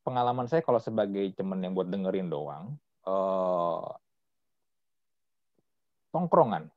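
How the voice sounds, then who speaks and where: A man hosting a casual podcast chat, telling things in an animated, chatty way with slang. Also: low-pitched, no echo. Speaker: podcast host. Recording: dull, dry lo-fi sound.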